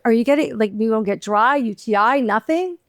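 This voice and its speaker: A woman's voice: a little high, fairly quick, no echo. Woman, podcast co-host, casual chat, laughs a lot, dry close sound. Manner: giggly, animated, laughs often.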